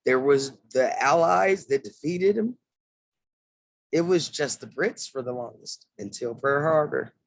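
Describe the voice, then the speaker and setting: A man's voice: fairly high pitch, unhurried, no room sound. A man giving a heated political monologue, swearing and acting out quotes as he goes. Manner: heated, swears, acts out quotes in lively asides. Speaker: political commentator.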